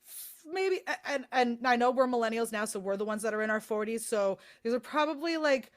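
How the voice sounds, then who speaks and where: A woman in her thirties co-hosting a podcast, telling stories in a casual, animated way and swearing freely. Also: fairly high pitch, a little fast. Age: 30s. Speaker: podcast co-host. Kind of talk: casual chat.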